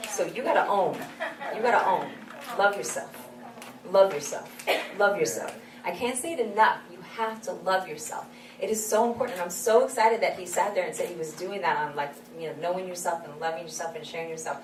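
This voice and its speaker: In an event hall, a woman gives a motivational faith talk to a youth leadership forum, her lowish voice brisk and earnest as she repeats her encouragement. The mic is far away, so the recording sounds echoey with background noise.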